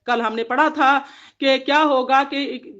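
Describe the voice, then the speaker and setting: A woman's voice: high-pitched, fairly even intonation, a bit bright. A woman giving an earnest devotional Quran commentary to women, exhorting them in repeated phrases. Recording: dull lo-fi audio.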